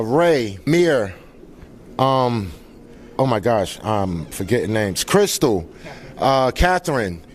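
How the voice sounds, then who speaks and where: Male event founder, average pitch, casual and sincere live address to guests. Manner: grateful, earnest. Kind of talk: informal live welcome speech to guests.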